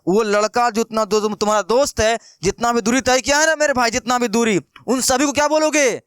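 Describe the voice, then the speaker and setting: High, chatty Hindi math teacher. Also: male voice, brisk, fairly bright tone, clean tone, dry recording, studio quality. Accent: Bihari Hindi. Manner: chatty and playful, keeps asking questions and answering them himself. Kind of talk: casual classroom lesson explaining with everyday examples.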